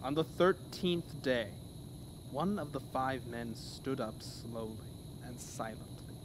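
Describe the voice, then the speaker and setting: A man narrates a scripted horror tale with theatrical, dramatic flair. His middle-pitched voice moves slowly with lively intonation, and clear background noise is audible.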